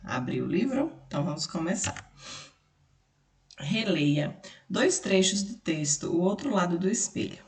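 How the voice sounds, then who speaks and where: Brazilian lady teacher going slow over letters, lowish voice, echoey room and a bit off mic. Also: sing-song, far from the mic. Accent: Brazilian Portuguese. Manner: patient, explains slowly, spells out letters, asks pupils questions. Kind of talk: remote school lesson for children.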